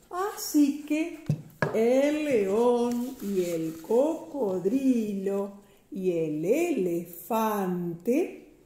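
An older woman with a Rioplatense accent reading a children's picture book aloud, slow, sing-song and expressive. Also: fairly high pitch, roomy sound. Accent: Rioplatense Spanish. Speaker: storyteller grandmother.

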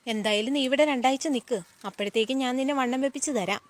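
A woman playing a sharp-tongued middle-aged mother who scolds and gossips about her daughter-in-law in a comedic short film. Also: on the high side, fast, natural voice. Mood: fussing.

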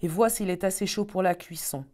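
A wicked old witch who lures children in, voiced by a woman storyteller, with a honeyed coaxing tone that turns to sharp commands. The voice sits low and dark, in a storybook reading. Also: fairly quick, close to an everyday voice. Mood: scheming. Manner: wheedling, then barking orders.

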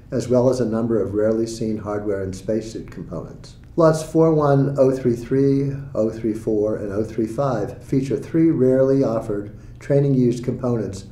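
A man narrating a scripted auction promotion in a measured, formal way. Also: on the low side, mellow, roomy sound. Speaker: auction announcer.

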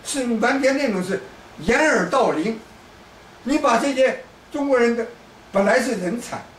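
Man from China, hectoring commentator, high-pitched; distant, roomy recording with faint background noise. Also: expressive, normal speed, a bit bright. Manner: lecturing, repetitive restarts, hectoring asides. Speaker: political commentator. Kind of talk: rambling political monologue.

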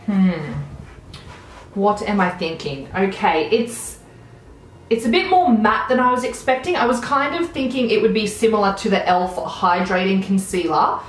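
A woman's voice: mid-range voice, expressive, moderate pace, echoey room, slight background noise, rough recording. A woman in her thirties with an Australian accent, chatting enthusiastically through a makeup tutorial at home. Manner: chatty, enthusiastic product commentary while applying makeup. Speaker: beauty vlogger. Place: small room at home, indoors.

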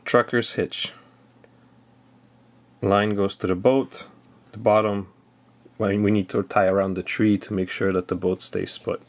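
A man's voice: on the low side, little pitch movement, measured pace, long pauses. A man giving a casual how-to demonstration as an outdoor skills instructor, explaining plainly step by step with some fillers.

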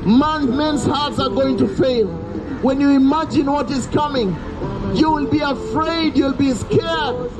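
A man's voice: extremely high pitch, over music, rough recording. A man, preaching an urgent open-air sermon by a busy road through a handheld mic and speaker. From Kenya. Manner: loud, urgent preaching with drawn-out warnings. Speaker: street preacher. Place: roadside outdoors by a busy street. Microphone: handheld mic through a portable speaker, camera at a distance. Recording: street traffic noise, open air.

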